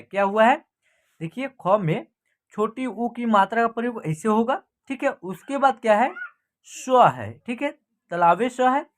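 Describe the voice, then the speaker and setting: A woman teaching Hindi reading in an online lesson. She reads each word slowly and clearly, then explains it quickly, and repeats every sentence for the learner. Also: on the high side.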